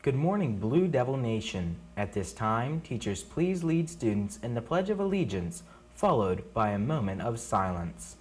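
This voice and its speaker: A man's voice: medium pitch, very animated, moderate pace. A man giving formal morning announcements to a school, heard over the intercom from far off.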